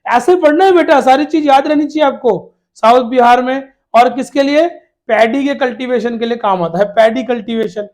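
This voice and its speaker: Man, very high voice, teacher, exam coaching for kids, answers his own questions, repeats key words, fatherly. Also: normal speed, a little mellow. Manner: calls students "beta" in a fatherly way. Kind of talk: exam-prep lesson for children.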